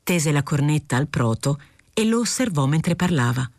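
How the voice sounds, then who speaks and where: A woman narrating a literary novel aloud in a steady, clear, unhurried audiobook reading. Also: low voice, no echo, studio quality. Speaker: audiobook reader.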